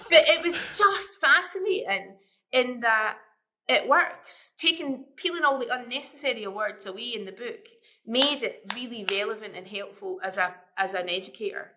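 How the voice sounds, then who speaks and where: A middle-aged woman guest on a podcast who tells her stories with lots of animation and often stumbles over the first words of a thought. Her voice is bright and ringing, and sits a little high. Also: moderate pace. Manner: animated storyteller, repeats words when starting a thought. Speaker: guest, early years educator. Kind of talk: casual podcast chat.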